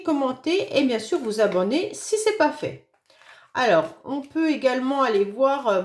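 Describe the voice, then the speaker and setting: A woman with a hoarse voice after illness, giving a monthly astrology reading in a gentle, reassuring way. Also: fairly high pitch, echoey room. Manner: gentle, reassuring, fond of "d'accord?" and "hein". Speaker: tarot reader.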